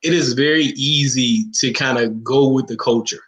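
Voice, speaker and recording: An easygoing man hosting a relaxed talk show. His voice sits at an ordinary middle pitch, and he talks in a reflective, conversational way. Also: moderate pace, low-quality recording. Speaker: host, fashion designer. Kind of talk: casual talk show chat.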